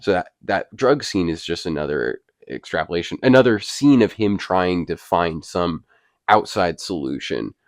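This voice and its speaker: A man's voice: low-pitched, lively intonation, moderate pace, dry recording, studio quality. A man co-hosting a casual movie discussion, earnestly explaining his view at length. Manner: defends his view with analysis. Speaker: co-host.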